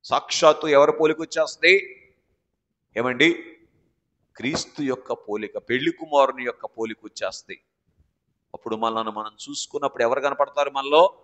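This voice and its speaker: A man's voice: medium pitch, a little fast, long pauses, fairly bright tone. A man with a Telugu accent preaching a sermon with emphasis, often calling out to the congregation for responses. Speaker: pastor. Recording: muffled sermon audio with long hall reverb.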